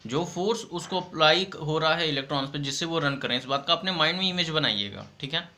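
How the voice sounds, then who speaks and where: Male teacher, bright and patient. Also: fairly high pitch. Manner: reads textbook definitions slowly. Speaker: science teacher. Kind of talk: online classroom lesson.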